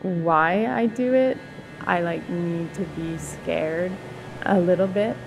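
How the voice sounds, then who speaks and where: A young woman photographer narrating her trip in a relaxed, thoughtful voice-over. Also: lowish voice, slow pace, creaky, background noise. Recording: voice-over with loud guitar music behind.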